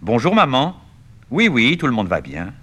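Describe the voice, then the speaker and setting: A man reading a play aloud, voicing a lively, bossy teenage boy with quick, bantering, mock-grand talk. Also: medium pitch, pitched above the performer's own voice. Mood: cajoling. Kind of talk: 1960s stage-play reading.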